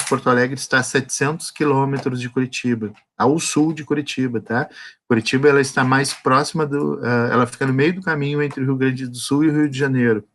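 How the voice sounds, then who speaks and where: A man's voice: medium pitch, a bit bright. A male teacher explains a geography lesson and often checks in with the class. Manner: explanatory, frequent "tá?" and "né?" check-ins.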